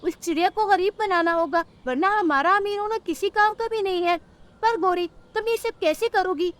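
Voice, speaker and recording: A woman's voice: very high voice, moderate pace. Woman putting on a wheedling greedy crow husband. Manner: wheedling and grasping.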